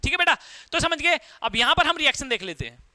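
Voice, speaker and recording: A man's voice: very high-pitched, big pitch swings, quick pace, pushed and bright. A man teaching a chemistry lesson, who keeps asking his students questions, answers them himself, and addresses them as "beta". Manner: calls the listener "beta" as a teacher does. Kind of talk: classroom lesson explaining lab activities.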